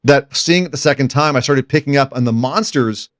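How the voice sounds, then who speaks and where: A man's voice: mid-range voice, fairly quick, a bit bright, no echo, clean studio sound. A man hosting a casual movie discussion podcast, retelling scenes with enthusiasm. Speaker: podcast host.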